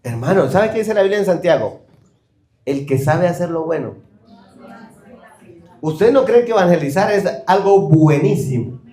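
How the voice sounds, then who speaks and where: High-voiced preacher in an echoey church. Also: male voice, expressive, moderate pace, long pauses, mellow. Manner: emphatic, questions the congregation and acts out quoted excuses. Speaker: pastor. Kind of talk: sermon. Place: church hall.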